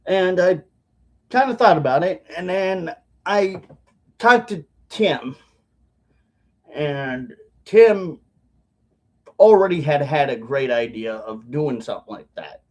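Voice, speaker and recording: Slow, halting man talking around chewing tobacco. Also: a little high, poor audio. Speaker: video blogger. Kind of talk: casual rambling vlog talk to viewers.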